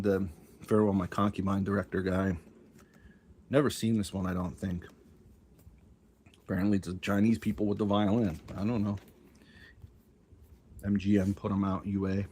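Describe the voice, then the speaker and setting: A man's voice: deep voice, darkish tone. A man talking around a cough drop, musing aloud in casual offhand commentary as he shows his collection. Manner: muttering, musing aloud with many asides. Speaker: collector showing his tapes. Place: room at home with a fan running. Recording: faint fan noise behind.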